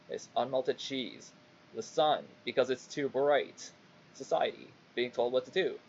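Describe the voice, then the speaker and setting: A young man talks casually on a livestream in a slightly high voice. He rambles in halting bursts and swears freely. The mic sounds dull and lo-fi, with faint noise behind him. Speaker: VTuber streamer.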